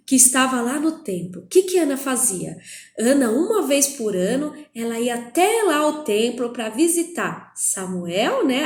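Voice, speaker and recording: A woman with a Brazilian Portuguese accent, a Sunday school teacher telling a Bible story to children in an animated, coaxing way. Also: high-pitched. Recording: echoey room.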